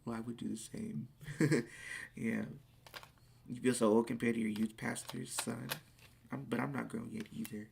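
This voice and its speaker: A speaker in their late teens chatting casually on a live stream, reading viewers' questions aloud and answering in excitable bursts. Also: mid-range voice, moderate pace, vocal fry, long pauses, a little hiss or hum.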